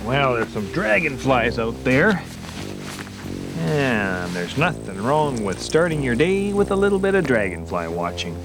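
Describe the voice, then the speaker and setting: Nature-show host, male, chatty and playful, very expressive pitch, music underneath. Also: unhurried. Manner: animated, playful, talks straight to the viewer. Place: outdoors at a campsite by a lake.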